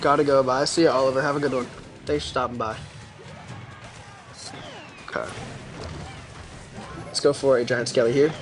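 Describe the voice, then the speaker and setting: A man's voice: mid-range voice, steady tone, normal speed, pauses often. A man casually commenting on his own gameplay during a live stream, laid-back and mumbling asides as he reacts to chat. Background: game music.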